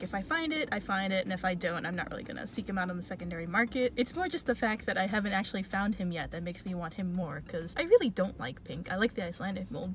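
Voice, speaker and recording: A woman's voice: medium pitch, slight background noise. Chatty young woman vlogging from her car. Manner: chatty, dryly sarcastic, drops to soft murmurs in stores. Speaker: vlogger, model horse collector. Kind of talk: casual vlog commentary. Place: inside a car in snowy weather, wipers going. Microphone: camera mounted on the dashboard.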